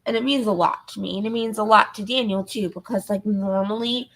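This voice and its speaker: A woman co-hosting a podcast in casual chat, her voice going hoarse, talking with many ums and likes. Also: medium pitch, fairly even intonation, fairly quick, a bit bright, low-quality recording. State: losing her voice. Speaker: podcast co-host.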